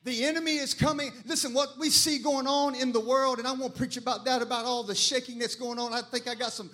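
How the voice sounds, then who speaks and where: Male pastor, high voice, church sermon with chanted fervent peaks. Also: steady tone, brisk, bright, forceful tone. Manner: preaching in rising waves, chanting when fervent. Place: church sanctuary.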